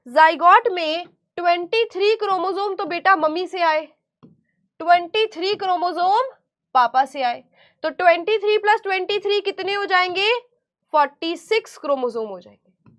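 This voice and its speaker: A woman teacher giving an online class lecture, speaking slowly and deliberately, asking questions and answering them herself in a coaxing way. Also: very high-pitched, animated, a bit bright.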